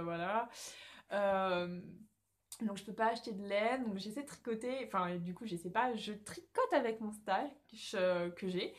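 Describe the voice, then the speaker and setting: A young French woman chatting casually to her camera about knitting, rambling with lots of fillers and restarts, recorded at home on a phone or camera. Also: medium pitch. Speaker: knitting vlogger.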